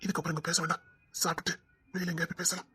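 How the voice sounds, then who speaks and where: Man playing a gruff, stammering older lover. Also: fairly high pitch, little pitch movement, very fast, sharp tone, exaggerated voice. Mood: tender. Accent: Tirunelveli Tamil. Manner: stammers, turns from cold to tender. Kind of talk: romantic short-drama acting.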